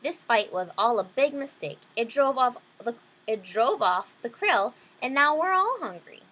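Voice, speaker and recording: A woman's voice: a little high, sing-song, a little slow, a bit bright, exaggerated voice, poor audio. A woman voicing a brave, sensible little male fish in a children's story, pleading and emphatic.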